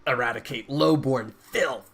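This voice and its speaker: A man's voice: medium pitch, a little slow, vocal fry, a bit bright, soft background music. A man doing a fanatical old grandfather. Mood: menacing.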